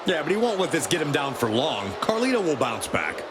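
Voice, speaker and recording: A man's voice: fairly high pitch, very animated, a little fast. A man doing analytical wrestling commentary during a match. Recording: noisy, loud crowd behind.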